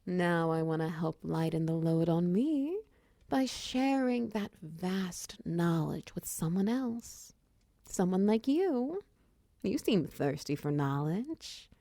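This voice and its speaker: A woman plays a friendly, talkative female minotaur wizard mentoring an apprentice in roleplay ASMR, encouraging and gently teaching. Her lowish, creaky voice is heavily acted and sounds proud and inviting, captured in a dry, clean studio recording.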